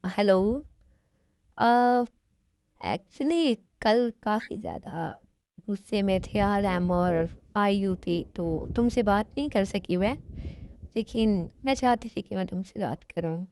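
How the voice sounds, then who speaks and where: A woman dubbing a kindly middle-aged aunt who speaks gently and coaxingly. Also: medium pitch, slow, no echo, clean studio sound. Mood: gentle. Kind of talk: fan Hindi dub of a love story.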